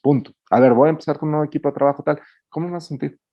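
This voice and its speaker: A man giving a webinar talk on emotional intelligence, animated and slipping into mock dialogues. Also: fairly high pitch, rapid-fire, dry recording, muffled recording.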